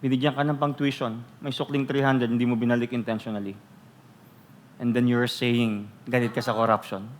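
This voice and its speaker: A Filipino man preaching a sermon as pastor, teasing the congregation with rhetorical questions and loudly acting out quoted voices. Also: medium pitch, level tone, normal speed, slight background noise. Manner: switches between Tagalog and English, acts out quoted voices loudly.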